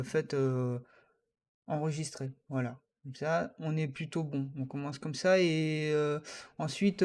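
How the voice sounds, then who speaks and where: Homme hésitant qui explique un logiciel. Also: male voice, on the high side, a little mellow. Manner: hesitant, many fillers, talks through each click. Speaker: software tutorial teacher. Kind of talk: screen-recorded software tutorial.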